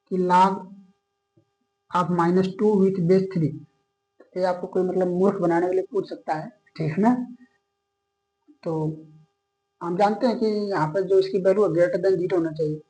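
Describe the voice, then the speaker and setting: This classroom lecture features a man teaching maths in a high voice with a dark tone, recorded at low quality. He works through the material step by step with patience, uses English maths terms within his sentences, and checks in again and again with "okay?".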